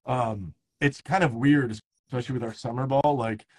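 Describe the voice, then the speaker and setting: A man in his thirties hosts a baseball podcast in San Diego, chatting casually in an interview format. He speaks at normal speed in a medium-pitched, darkish voice, talking loosely with lots of fillers and restarts.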